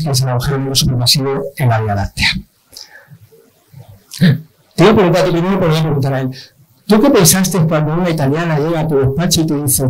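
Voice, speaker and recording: A man moderating a science outreach event, telling a story in an animated way, acting out quoted dialogue and repeating words for emphasis. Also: a little high, poor audio. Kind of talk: live presentation, anecdotal storytelling.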